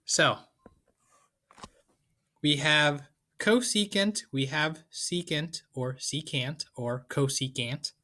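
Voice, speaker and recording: A man's voice: on the high side, expressive, very slow, long pauses, bright, forceful tone. A man teaching a math lesson in a casual, playful way with joking asides. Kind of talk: casual lecture.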